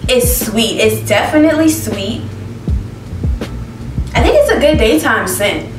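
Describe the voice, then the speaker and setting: Sitting in a plant-filled living room, a young woman reviews perfumes on camera as a beauty vlogger, reading out descriptions and laughing expressively at them. She speaks unhurriedly in a voice on the high side. The distant, set-back mic adds roomy echo, with music in the background.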